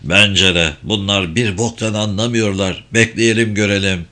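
Man playing a curt male henchman on the phone, low voice, plain delivery. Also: fairly even intonation, moderate pace, bright, forceful tone. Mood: matter-of-fact. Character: male henchman reporting to his boss.

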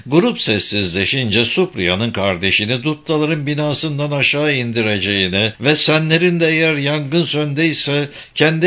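A man giving a steady, measured audiobook narration of a novel. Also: mid-range voice. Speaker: audiobook reader. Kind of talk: scripted narration.

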